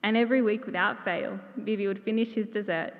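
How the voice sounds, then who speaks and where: A woman delivers a memorial tribute, sharing heartfelt stories with gentle humor. Her voice sits at a middle pitch. The sound is thin and phone-like, with a long church reverb behind it. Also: steady tone, fairly quick. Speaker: eulogy speaker. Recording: tinny, echoey church hall.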